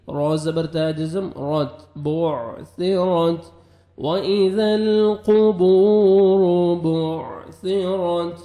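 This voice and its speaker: Male Quran teacher, raised voice with a mellow tone, quick explanations between slow drawn-out recitation. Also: on the high side, echoey room. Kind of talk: tajweed recitation lesson.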